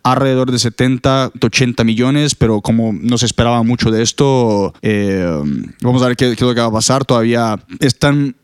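A man's voice: mid-range voice, steady tone, normal speed, smooth, no echo, studio quality. A man co-hosting a podcast, chatting casually and opinionated about movies with fillers. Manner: conversational, opinionated, frequent fillers. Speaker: podcast co-host. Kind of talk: casual film chat.

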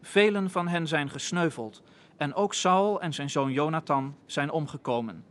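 A man voicing a weary male messenger from a lost battle, reporting in a plain, measured way. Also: on the high side, lightly acted. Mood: grave.

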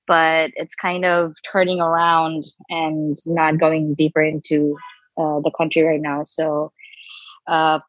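A woman's voice: deep voice, no room sound, dull audio. Chatty woman from Bangladesh, dry sound. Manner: chatty, self-deprecating, many fillers. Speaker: guest, actor and artist. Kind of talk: casual interview chat.

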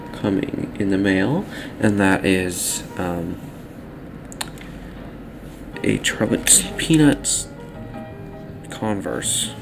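Low, creaky young man with metallic sound. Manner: halting, rambling, self-correcting. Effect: slightly metallic, robotic microphone sound. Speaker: podcast host. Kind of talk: casual solo podcast talk. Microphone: podcast microphone.

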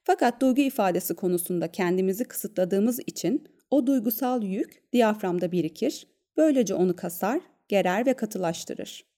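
A woman with a soft-edged, very mellow voice at an average pitch. She speaks in a calm, measured manner, like a therapist narrating a scripted wellness podcast and guiding a breathing exercise.

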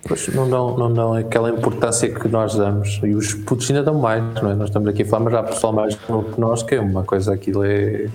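A man with a European Portuguese accent in a casual podcast chat, relaxed and slangy, swearing offhandedly. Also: lowish voice, quick pace, few pauses.

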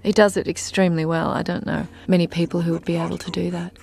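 Low-voiced woman with a gravelly edge. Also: little pitch movement, quick pace, a little mellow. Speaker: film actor. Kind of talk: film commentary.

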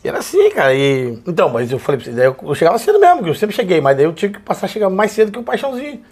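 A man's voice: sits high, racing, husky. A man from Brazil, telling football stories in a casual chat and mimicking the people in them. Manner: animated storyteller, mimics people in quotes. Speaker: podcast guest, former footballer.

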